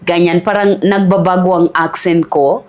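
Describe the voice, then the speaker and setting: A woman's voice: fairly low pitch, steady tone, moderate pace, darkish tone. A young Kenyan woman vlogging in Tagalog and English, chatting casually and reading viewer comments aloud with careful pronunciation. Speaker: language-learning vlogger.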